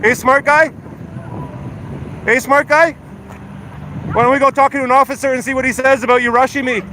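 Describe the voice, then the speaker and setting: A high-voiced man streams live from a city street. He is combative and agitated, swearing and repeating his points over clear street and vehicle noise. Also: steady tone, normal speed. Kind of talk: live street vlog, confrontational talk. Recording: noisy outdoor street livestream. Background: loud street and vehicle noise.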